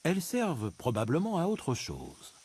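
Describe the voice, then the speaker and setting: A man narrating a nature documentary from a script, in a measured, expository storytelling manner with dramatic emphasis. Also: on the high side, huge pitch swings, darkish tone, breathy edge. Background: music bed behind the voice.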